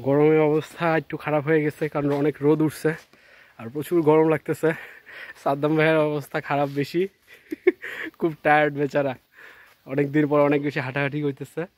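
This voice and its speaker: This Bangladeshi travel vlogger speaks a little high and a little fast, pausing often, in a dry recording. Strolling outdoors past villages and tea gardens, he keeps up a casual, relaxed chat mixed with English words.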